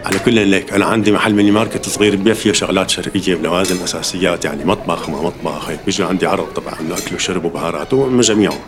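A man's voice: sits low, racing, hardly any pauses, close to an everyday voice. A man with a Levantine Arabic accent playing a settled immigrant shopkeeper who gives firm, practical advice. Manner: firm, advising, matter-of-fact.

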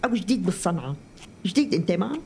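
A woman's voice: fairly low pitch, very animated, rapid-fire, mellow, slight background noise. A woman with a Syrian accent playing a lonely, talkative elderly mother in a drama. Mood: wry, wistful. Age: older. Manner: talkative, tender, emotional. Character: lonely elderly mother, warm, chatty, wistful. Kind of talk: scripted drama acting.

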